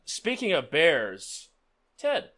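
Lively, bright-voiced male game master. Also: on the high side, drawn-out words. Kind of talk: hosting a tabletop roleplaying game.

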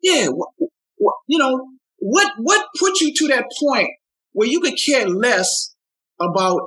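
An older man who mentors youth, talking earnestly in an interview, often repeating himself and rising in pitch when moved. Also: very animated, takes it slowly, pushed and bright, breathy edge, poor audio. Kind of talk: heartfelt conversational interview.

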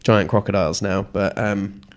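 Low-voiced man sharing trivia on a podcast. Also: steady tone, normal speed. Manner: enthusiastic, shares trivia and recommendations. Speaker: podcast co-host. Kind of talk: casual chat.

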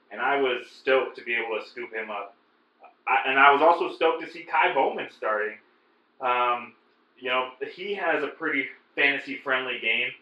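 Muffled, echoey man talking fantasy sports. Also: mid-range voice. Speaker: fantasy basketball podcast co-host. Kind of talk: casual sports analysis chat.

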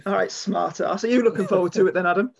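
A man on a podcast throws teasing questions at his co-host. His voice is high-pitched with a gravelly, creaky edge. The chat is loose and casual. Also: racing, a crowd in the background.

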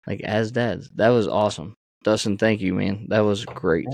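A man's voice: lowish voice, normal speed, creaky, darkish tone, no room sound. A man chatting casually as the host of a podcast.

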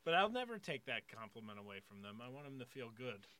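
A man's voice: mid-range voice, big pitch swings, fast, a crowd in the background. A man in casual joking chat, wisecracking and often laughing as he talks.

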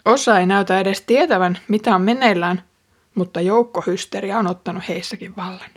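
A woman reads a scripture passage aloud and then explains it to listeners. Her voice is husky and breathy, sitting at an ordinary middle pitch, and she keeps a calm, measured reading pace. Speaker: Bible reader and teacher.

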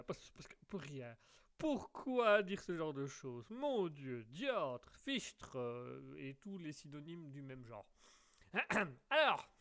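A man's voice: a little high, fairly bright tone. A man with a slight English accent hosting a live call-in radio show, playful, rambling and theatrical. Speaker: radio host.

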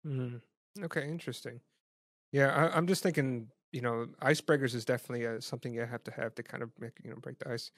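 Brief: male podcast host, quick and gravelly, trips over repeated words, dry close sound. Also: mid-range voice, fairly even intonation, no echo. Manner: self-deprecating, stammers on repeated words. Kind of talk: casual interview chat.

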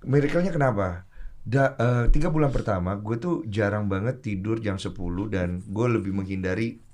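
A man in casual chat, an animated storyteller who talks in slang and breaks into loud laughter. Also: lowish voice, normal speed. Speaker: podcast guest.

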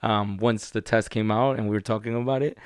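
Laid-back young man, lowish voice. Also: brisk, clear, resonant tone, no echo, studio quality. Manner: relaxed, joking, sarcastic storyteller. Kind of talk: casual chat.

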